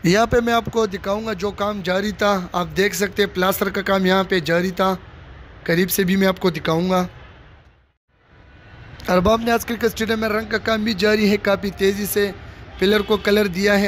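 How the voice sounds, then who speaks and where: Walking through a cricket stadium under construction, a vlogger gives a casual tour and construction update, recording on a handheld phone he holds. His high, somewhat bright voice shows little pitch movement and runs at normal speed as he talks straight to viewers with repetitive showing phrases. Faint outdoor noise sits behind him.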